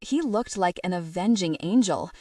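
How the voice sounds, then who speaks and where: A woman reading a dramatic novel in the first person, intense and loud in the shouted lines. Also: on the low side, animated, normal speed, no echo, studio quality, distant mic. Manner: intense, raises voice for shouted dialogue. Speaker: audiobook narrator.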